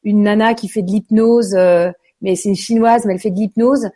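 A woman's voice: mid-range voice, steady tone, moderate pace, mellow. A woman actress talking casually as an interview guest, with lots of fillers and hesitations. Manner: many fillers, hesitant, chatty.

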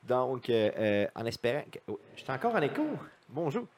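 A man's voice: mid-range voice, moderate pace. A man with a Quebec French accent co-hosting a gaming podcast, jokey and laughing, his mic drenched in a canyon-like echo. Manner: joking, laughing, lively. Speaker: podcast co-host. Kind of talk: casual gaming podcast chat.

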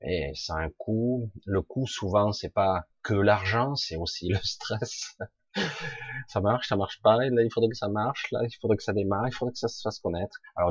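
Deep husky-voiced man chatting live. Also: no room sound, muffled recording. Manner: chatty, reads out viewers' names, frequent hesitations. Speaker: live stream host. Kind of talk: casual live stream chat with viewers.

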